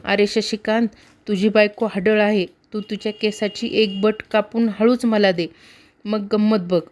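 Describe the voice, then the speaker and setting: A woman's voice: mid-range voice, level tone, measured pace, darkish tone, close to an everyday voice. A woman voicing a shrewd, bossy old mother-in-law who gives orders in a scolding, commanding way.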